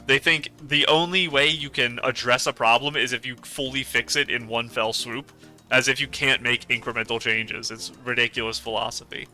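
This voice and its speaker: A man's voice: medium pitch, steady tone, moderate pace, bright, forceful tone, soft background music. A man hosting a let's play, chatting casually and rambling about the game. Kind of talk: casual gameplay commentary.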